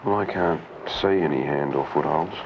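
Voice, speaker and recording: A man's voice: extremely low pitch, normal speed, vocal fry. A man, a novice climber, talking casually and wryly about his climb outdoors. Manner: wry, self-mocking. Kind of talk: casual chat and commentary while climbing. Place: outdoors at a rocky cliff. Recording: dull 1970s location film sound, very noisy.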